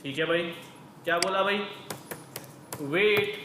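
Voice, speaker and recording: A male teacher leads a coding lecture casually and conversationally, asking questions and then answering them himself while calling his listeners "brother." His voice is high-pitched and his pace slow. The room is echoey and the background noisy.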